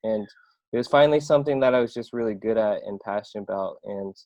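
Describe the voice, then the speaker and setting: A young man from Iowa, USA, who owns a marketing agency, chats casually as a podcast guest. His voice is on the low side and darkish, and he talks quickly in a loose, rambling way, peppered with "I mean" and "right?". The recording is dry.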